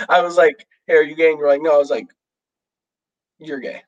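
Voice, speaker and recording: A young adult man chats casually with a fellow student in a slightly high, steady voice at normal speed. He rambles, restarts often and packs in fillers while working through his thoughts, and the sound is lo-fi.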